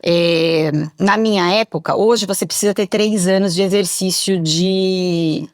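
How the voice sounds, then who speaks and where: A middle-aged woman telling stories as a podcast guest, speaking very loudly and lively into a studio mic. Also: fairly low pitch, measured pace, dry recording. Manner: talks very loudly. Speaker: guest, public prosecutor. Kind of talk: podcast interview storytelling.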